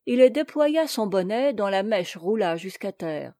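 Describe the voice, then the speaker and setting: Brief: female audiobook narrator, steady storytelling, mid voice, dead-dry sound. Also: mid-range voice, measured pace, no echo. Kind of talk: scripted narration.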